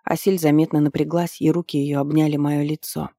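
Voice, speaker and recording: Brief: woman audiobook narrator, dark mellow timbre, steady storytelling delivery. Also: low-pitched, fairly quick, no room sound, studio quality. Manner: even, storytelling delivery with lively lifts on dialogue. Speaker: audiobook reader. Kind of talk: first-person fantasy audiobook narration.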